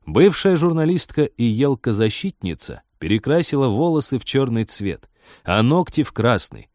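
A man narrating a humorous story in a measured, wry audiobook reading. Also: medium pitch, very animated, a little mellow, no room sound, clean studio sound.

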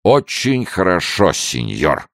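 A man's voice: low voice, wildly swooping pitch, slow pace, gravelly, dry recording, clean studio sound, voice pushed up, full character voice. A man voicing a drunk, staggering gendarme jailer who mumbles his words. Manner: mumbling, slurred.

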